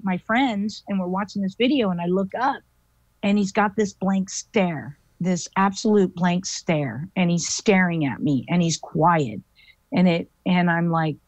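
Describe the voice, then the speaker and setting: A woman, a guest paranormal investigator, telling a story in an animated, chatty way with lots of fillers. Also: mid-range voice, no room sound. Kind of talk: casual storytelling interview. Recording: dull lo-fi dry audio.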